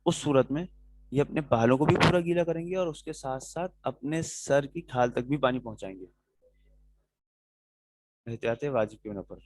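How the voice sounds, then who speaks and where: With long pauses in a medium-pitched voice, a male religious teacher works through religious rulings in a classroom lecture. He takes things one step at a time, responds straight to students' questions, and keeps making sure they're with him. The recording is rough.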